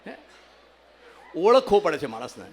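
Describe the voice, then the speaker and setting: High-voiced man telling comic stories. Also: sing-song, measured pace, a little mellow. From Gujarat. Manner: jokes told with exaggerated stammering impressions. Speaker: stand-up comedian. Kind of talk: Gujarati comic storytelling.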